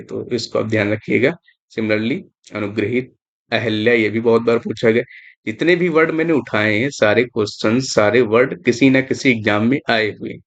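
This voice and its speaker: Man teaching spelling over dull audio. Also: lowish voice. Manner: repetitive, emphatic, stresses importance. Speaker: exam prep teacher. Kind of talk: explaining spelling on screen.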